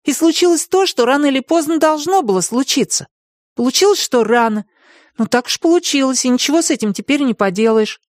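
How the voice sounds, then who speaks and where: A man's voice: very high voice, lively intonation, brisk, no echo, studio quality, voice pushed up. A man voicing Katya, a kind but bossy young girl who chides and soothes. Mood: chiding. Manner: soothing and chiding.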